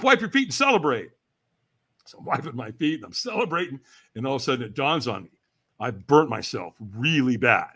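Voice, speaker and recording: Here a man in his sixties from California shares an animated story as a podcast guest, doing the voices of those he quotes and laughing as he talks. His pitch is medium, with a sharp, husky edge.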